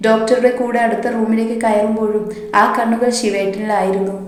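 A woman narrating a scripted story in a steady, emotive way. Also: fairly high pitch, fairly quick. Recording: very echoey room.

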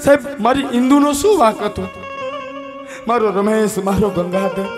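Grief-worn mom done by a male storyteller, soft sung-out lament, music playing under it. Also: medium pitch, animated, normal speed, voice pushed down, natural voice. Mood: grieving. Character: grieving mother, worn out and bitter.

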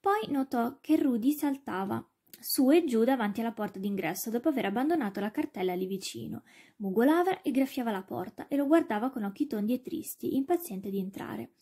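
Husky-toned woman reading a story. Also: fairly high pitch. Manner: measured, expressive narration. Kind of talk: reading a children's ghost story aloud.

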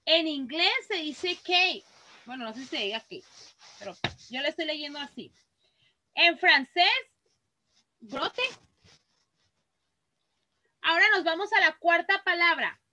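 A woman with a Mexican accent teaches children in a very high, bright voice. She speaks slowly and patiently and sounds each word out clearly. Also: expressive, a little hiss or hum, rough recording. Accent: Mexican Spanish. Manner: patient, reads words aloud slowly and clearly. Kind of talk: online class for children.

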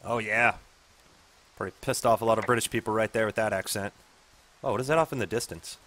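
A man's voice: fairly low pitch, fast, pushed and bright. A man in his forties casually commenting on gameplay with sarcastic, self-deprecating asides. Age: 40s. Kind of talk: casual let's-play commentary.

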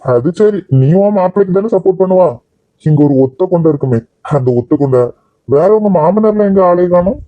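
A man's voice: high voice, animated, fairly quick, dry recording, phone-quality sound. A man voicing a protective young male friend in a cartoon drama, scolding and lecturing in Kanyakumari Tamil.

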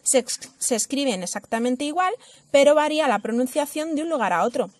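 A woman from Spain, an English teacher giving a slow pronunciation lesson, modeling words carefully and explaining them. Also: high-pitched, lively intonation, dry recording.

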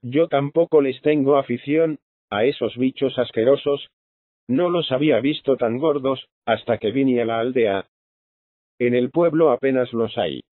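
A man's voice: mid-range voice, measured pace, no room sound, natural voice. A man reading a shy, earnest young priest. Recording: tinny phone-like sound.

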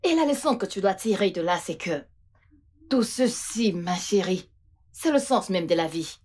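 An actress dubbing a calm friend who comforts and reassures a distressed woman. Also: medium pitch, normal speed, a little hiss or hum, natural voice. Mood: soothing. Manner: soothing, reassuring. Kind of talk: dubbed film drama.

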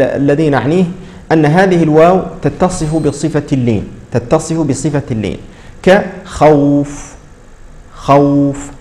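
Patient man teaching Quran recitation, fairly high-pitched. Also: darkish tone. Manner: explains patiently, repeating words slowly to model pronunciation. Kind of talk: tajweed lesson.

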